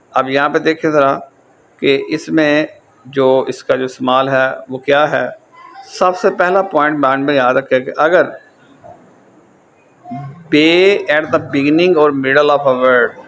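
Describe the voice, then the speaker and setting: Pakistani male language teacher, slightly high voice, casual repetitive lecture, faint noise behind. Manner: repetitive, explains points again and again.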